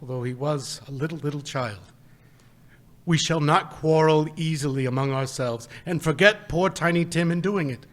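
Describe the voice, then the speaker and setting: An actor playing a gentle, poor father who speaks tenderly to his family about his lost little son in a live radio play. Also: fairly high pitch, normal speed, lightly acted. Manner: tender, soft, choked-up.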